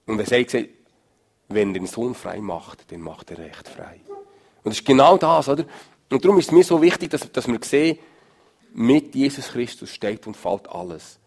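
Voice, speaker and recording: A male preacher, giving an emphatic sermon that swings from loud stresses to low murmurs. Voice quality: gravelly, husky.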